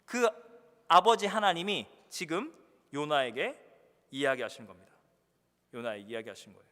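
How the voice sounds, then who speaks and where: A pastor preaching a sermon with passion, jumping from loud outbursts to hushed asides. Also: male voice, a little high, moderate pace. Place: church sanctuary. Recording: long church-hall reverb.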